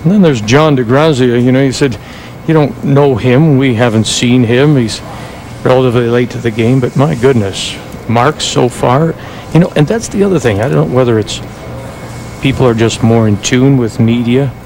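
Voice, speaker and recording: A man's voice: mid-range voice, normal speed, a little mellow, low-quality recording. A man doing play-by-play commentary for televised bowling, conversational and full of asides. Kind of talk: sports commentary. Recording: TV broadcast with crowd and noise.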